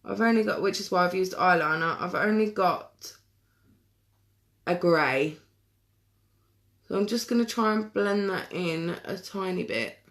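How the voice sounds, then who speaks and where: A woman chatting casually through a live makeup tutorial, self-deprecating and quick to laugh. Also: lowish voice, a bit bright. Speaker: makeup vlogger.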